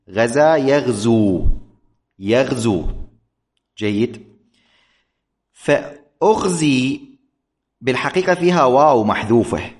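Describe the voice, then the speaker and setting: A man teaching an Arabic grammar lesson, speaking slowly and deliberately and repeating key points. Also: mid-range voice. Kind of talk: classroom lesson on verb forms.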